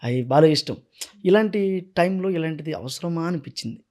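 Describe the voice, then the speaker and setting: A man speaking, chatting as a guest in an interview. He tells his stories in an animated way. His voice sits slightly high for a man. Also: a little fast. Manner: animated storyteller, bursts into loud speech-like impressions. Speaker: actor and mimicry artist, interview guest. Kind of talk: casual interview chat with impressions.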